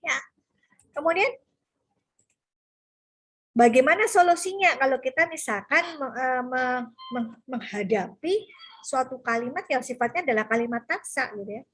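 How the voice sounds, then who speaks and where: A woman's voice: sits high, expressive, normal speed, pauses often, a bit bright, slightly rough. A woman lecturer explaining sentence grammar to students, patient and repetitive, checking in often. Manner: patient, repeats key terms with frequent "ya" checks.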